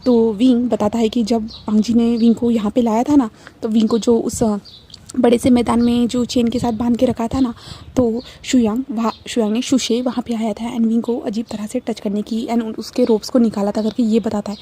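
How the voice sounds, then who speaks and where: Brief: woman storyteller, relaxed chatty narration full of fillers, slightly high, mellow. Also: normal speed, breathy edge. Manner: chatty, uses fillers and tag questions. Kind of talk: casual fan-fiction narration.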